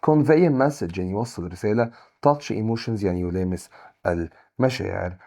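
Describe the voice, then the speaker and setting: Brisk Egyptian Arabic man teaching. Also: on the low side, warm tone. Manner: brisk, reads each English word then its Arabic meaning. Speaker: English teacher. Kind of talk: exam review lesson, reading vocabulary lists.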